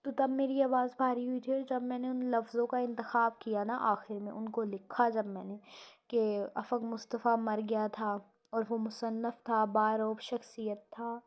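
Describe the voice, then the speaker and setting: A woman's voice: a little high, little pitch movement. A woman novel writer chatting casually about her serialized novel, rambling and often correcting herself, sounding tired and sleepy.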